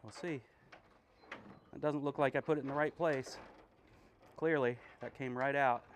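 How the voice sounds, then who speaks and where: A man's voice: mid-range voice, steady tone, normal speed, slight background noise. A man talking casually while he works at a forge, chatty and self-deprecating, thinking aloud with many ums and uhs. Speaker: blacksmith streamer. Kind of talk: casual talk while working. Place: blacksmith workshop.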